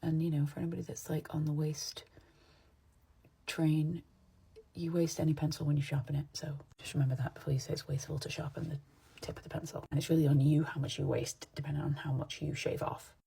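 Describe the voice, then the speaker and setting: A woman from England, her accent partly Americanized, talks through her morning makeup in a loose, rambling way. Her voice is very husky and gravelly, with a dark, mellow tone. It is recorded on a phone at home. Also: low voice, little pitch movement, fairly quick. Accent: English, partly Americanized. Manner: chatty and digressive, drops to soft asides. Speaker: makeup vlogger. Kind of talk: rambling casual chat while doing makeup. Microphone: phone camera.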